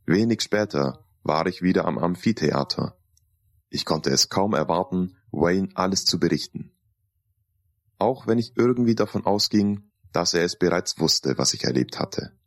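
A man calmly narrating a first-person story in a deliberate storytelling manner. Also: sits low, no room sound, studio quality.

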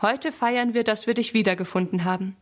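A woman's voice: medium pitch, a little fast, natural voice. Woman voicing a loving father sheep, tender, joyful, storybook.

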